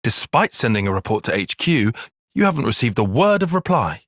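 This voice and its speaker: Taion, prim young strategist, expressive pitch. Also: male voice, a little fast, no room sound, studio quality. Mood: composed, analytical. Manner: precise, formal, slightly prim phrasing. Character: analytical, reserved young male military strategist, earnest and proper. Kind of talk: video game cutscene acting.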